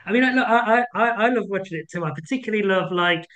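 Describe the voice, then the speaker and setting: High-pitched local male interviewer, chatty and fan-like, hesitating as he talks. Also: fast, fairly bright tone. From Nottingham area, England. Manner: fan-like, hesitant, lots of fillers. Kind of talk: casual interview chat.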